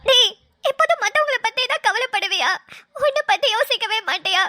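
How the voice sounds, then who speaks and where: A woman's voice: extremely high pitch, expressive, a little fast, pushed and bright, no echo, clean studio sound, full character voice. A woman voicing a caring young woman in a cartoon, tearful and scolding out of worry. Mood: worried. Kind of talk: cartoon voice acting.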